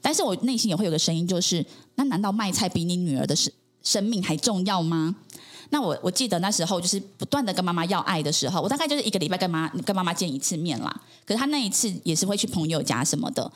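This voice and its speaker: Fast-talking woman. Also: fairly low pitch. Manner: earnest, rapid, with frequent affirming interjections. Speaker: podcast guest. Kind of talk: personal storytelling in conversation.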